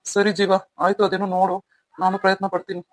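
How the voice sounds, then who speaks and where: Actor voicing a calm cartoon young man, reasoning tone, quick, dry. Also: mid-range voice, dry recording, natural voice. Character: steady young husband and son, calm. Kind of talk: cartoon story voice acting.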